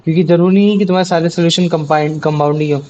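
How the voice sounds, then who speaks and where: A man's voice: a little high, fairly even intonation, rapid-fire, warm tone. A man teaching a science class, explaining step by step and often checking with his students. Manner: explains with many tag questions. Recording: dull lo-fi audio.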